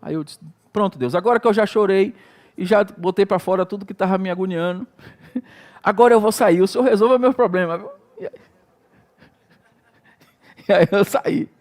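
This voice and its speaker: A middle-aged pastor from Brazil, speaking at normal speed with long pauses, delivers a loose, story-driven sermon and acts out his prayers and exclamations. His voice is a little mellow and set high for a man, and his Brazilian Portuguese accent comes through clearly.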